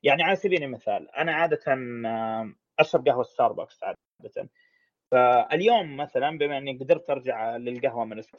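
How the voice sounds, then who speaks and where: A man, a podcast guest speaking frankly in a casual conversation, in long runs with restarts. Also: fairly high pitch. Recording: dull lo-fi audio.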